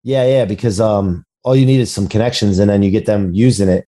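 A man's voice: lowish voice, steady tone, a little fast, mellow. A man hosting a business podcast in a conversational, motivational entrepreneur style full of buzzwords, recorded over a video call. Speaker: podcast host.

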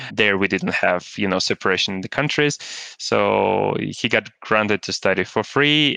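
Bright, crisp-voiced man from Kazakhstan. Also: on the low side, dry recording. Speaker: founder, guest. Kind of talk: interview answers.

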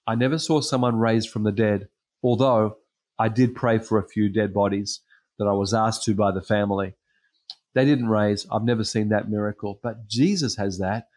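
Preacher, male, lowish voice, unpolished sermon storytelling with ums. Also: steady tone, normal speed, darkish tone. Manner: hesitant storytelling with frequent ums. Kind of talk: sermon with personal stories.

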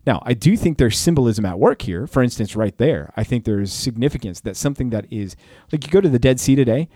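A man's voice: medium pitch, lively intonation, brisk, mellow, dry recording, clean studio sound. A man co-hosting a casual, conversational Bible discussion in a playful, bantering manner. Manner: playful, bantering, breaks into snatches of song. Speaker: podcast co-host teaching the Bible.

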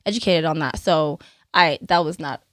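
Animated young woman from Cameroon. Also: low voice, moderate pace, no echo, studio quality. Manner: animated, laughs often, tag questions. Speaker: guest. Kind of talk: podcast interview, telling her story. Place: podcast studio.

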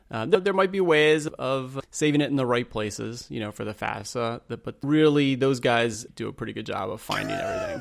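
A man's voice: mid-range voice, vocal fry. A man explaining personal finance conversationally as a podcast host, informal and plain-spoken. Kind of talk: scripted outro and disclaimer read.

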